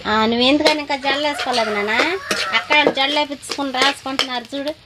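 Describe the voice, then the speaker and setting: A woman with a somewhat high voice chats with her viewers and her child at home. The recording carries steady background noise. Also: racing. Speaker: vlogger. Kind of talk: casual home vlog chat.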